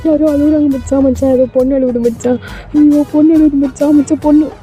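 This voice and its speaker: A woman's voice: sits high, steady tone, quick pace, dark tone, soft background music, close to an everyday voice. A woman voicing a timid, food-loving young man in a fan-dubbed audio story, whining and calling his buddy over and over. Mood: scared. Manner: whiny and jittery, calls his buddy over and over.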